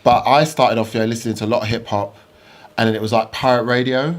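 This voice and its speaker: A man's voice: medium pitch, fairly even intonation, quick pace. A man, chatting casually as podcast host, rambling with many fillers and restarts. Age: 40s. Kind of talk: casual chat.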